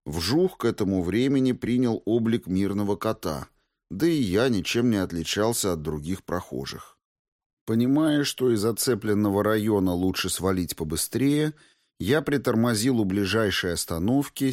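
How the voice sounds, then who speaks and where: A man's voice: lowish voice, darkish tone, no room sound, clean studio sound. A man reading a first-person audiobook in a terse, tense way. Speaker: audiobook narrator.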